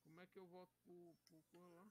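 A man's voice: high-pitched, level tone, quick pace, husky. A man chatting during a game, curious and asking questions, heard over a distant, noisy voice call. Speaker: friend on a voice call. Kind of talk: casual gaming chat.

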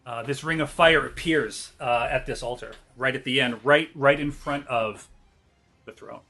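A man narrating an online tabletop game as game master in a hesitant, halting way. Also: medium pitch, gravelly, pushed and bright.

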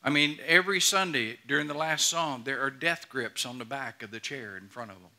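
A middle-aged pastor delivers a sermon on stage in a large church auditorium before a congregation. His medium-pitched voice is fairly quick, bright and forceful, earnest and emphatic, and he often repeats and restarts phrases.

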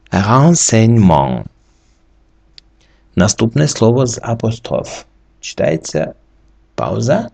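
A man's voice: deep voice, gravelly, slightly rough, no room sound. A man teaching a recorded lesson, methodically walking through the reading rules letter by letter. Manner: methodical, slowly walks through each letter rule. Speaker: French teacher.

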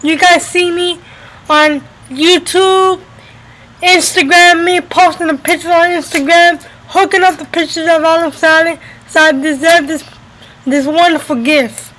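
Her pitch is extremely high and her tone steady as she talks a little slowly and a bit brightly, a US woman in her 20s from New Jersey and Florida. She vlogs casually indoors at home near a window, repeating phrases for emphasis, captured roughly by a webcam held at arm's length.

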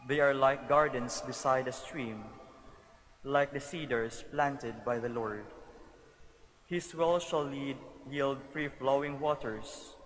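Unhurried male lector in echoing cathedral. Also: medium pitch, fairly bright tone, slight background noise. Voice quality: cathedral echo, long reverb. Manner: formal, deliberate, short measured phrases. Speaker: lector at Mass. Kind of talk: solemn scripture reading. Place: large church during Mass. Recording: long cathedral echo through church speakers.

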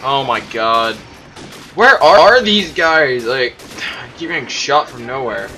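A man giving casual, self-mocking commentary over his own gameplay, prone to excitable outbursts. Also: medium pitch, unhurried, slight background noise. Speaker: gaming commentator.

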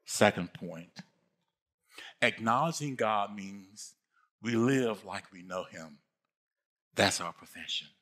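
A man's voice: lowish voice, lively intonation, takes it slowly, long pauses, a bit bright. An older man preaching a sermon as pastor, emphatic, repeating phrases and asking his congregation questions.

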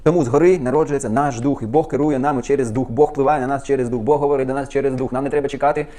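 Fast, fervent preaching man. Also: medium pitch, steady tone, warm tone. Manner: fervent, quick preaching with rhetorical questions; reads scripture aloud and comments on it. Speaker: pastor. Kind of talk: sermon.

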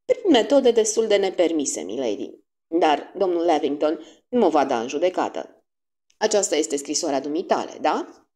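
A woman's voice: sits low, big pitch swings, dark tone. A woman voicing a fussy, vain middle-aged male detective, theatrical and fond of French exclamations, in a storybook reading. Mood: self-assured.

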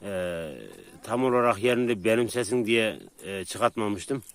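A man's voice: on the low side, unhurried, smooth. A man talking casually to his viewers while tending dogs outdoors in the countryside, addressing them as friends. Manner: plain, chatty, keeps addressing viewers as friends. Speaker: vlogger and dog keeper. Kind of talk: casual vlog talk to viewers.

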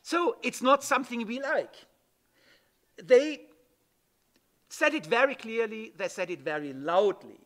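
A man's voice: high voice, lively intonation, unhurried, long pauses, a bit bright. A middle-aged man from Germany, speaking at a panel event in an emphatic way, with frequent restarts and "yeah?" checks. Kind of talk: spoken conference talk.

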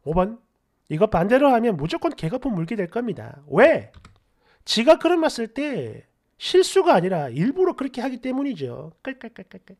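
A man hosting a story channel, reading online posts and comments aloud with animated, mocking commentary. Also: very high voice, moderate pace.

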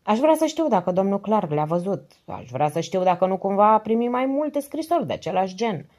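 A woman's voice: mid-range voice, sing-song, a little mellow, pitched above the performer's own voice. A woman reading the lines of a stern middle-aged male police commissioner in an audiobook, curt and businesslike on the phone. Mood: brisk.

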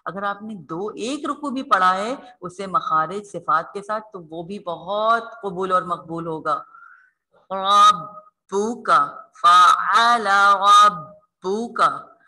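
A woman's voice: medium pitch, pushed and bright. A woman teaching a recitation lesson online, explaining each rule patiently and addressing her students fondly as children. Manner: patient, explains step by step, calls students "beta".

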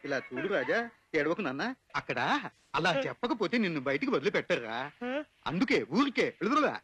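An actor playing a middle-aged family elder in film dialogue, speaking in a soft, consoling, persuasive way. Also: male voice, a little high, sing-song, fairly quick, a little hiss or hum. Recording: film soundtrack with faint music.

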